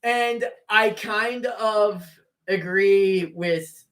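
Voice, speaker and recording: A man co-hosting a casual wrestling talk show, rambling with many restarts and getting excited when he teases his partner. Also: high voice, very slow. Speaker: podcast co-host.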